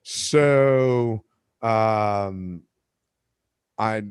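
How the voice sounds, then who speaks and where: In a clean, dry studio recording, a man speaks in a smooth, lowish voice, drawing out his words. He hosts a podcast and, with Spanish as his first language, narrates a long story casually, often restarting, correcting himself, and going off on tangents.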